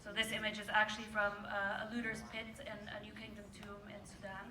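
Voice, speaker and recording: A woman's voice: mid-range voice, completely flat delivery, brisk, distant mic, a crowd in the background. A young woman from Egypt giving a casual, self-deprecating conference talk about her fieldwork, full of ums, a little jet lagged. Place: large conference hall. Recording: echoey hall, voice off-mic.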